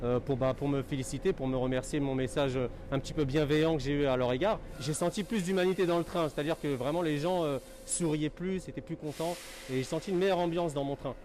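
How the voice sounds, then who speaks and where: A man in his thirties, a metro driver giving a casual interview in halting, colloquial phrases. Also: fairly high pitch, a crowd in the background. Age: 30s. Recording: loud urban transit noise behind.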